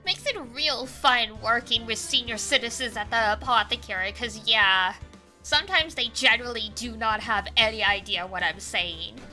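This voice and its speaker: A woman's voice: on the high side, moderate pace, pushed and bright, soft background music. A Canadian woman with a cute anime-girl voice, chatting casually and animatedly as she streams a video game. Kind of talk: casual livestream chat over a video game.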